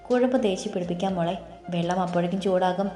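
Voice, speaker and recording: A woman's voice: on the low side, quick pace, close to an everyday voice. A woman voicing a soothing, worried village mother. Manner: soothing, gently scolding. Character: caring worried middle-aged mother. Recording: echoey room with faint music.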